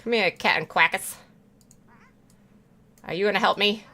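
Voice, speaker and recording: A woman's voice: mid-range voice, normal speed, sharp tone. A woman streamer chatting casually while playing a game, rambling, swearing freely and laughing often. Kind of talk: casual chat while gaming.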